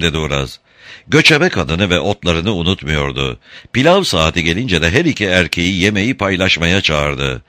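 Deep-voiced man narrating an audiobook. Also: fairly bright tone, no room sound, clean studio sound.

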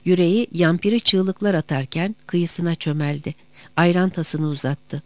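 Measured audiobook narrator. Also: medium pitch, fairly even intonation. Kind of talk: scripted narration of a historical novel.

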